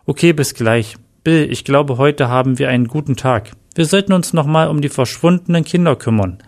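A man's voice: a little high, moderate pace, natural voice. A man voicing a nervous, eager male police detective in a read-aloud story. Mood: upbeat. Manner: excited, a little nervous.

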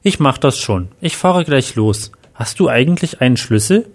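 A man's voice: mid-range voice, animated, normal speed, husky. A man voicing a curious, helpful male colleague in a plain, eager way.

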